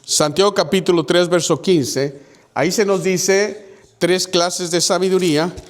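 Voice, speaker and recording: A man's voice: high-pitched, steady tone, measured pace. A man preaching a sermon to a small church congregation, addressing his listeners directly and acting out the voices of people he quotes. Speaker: pastor.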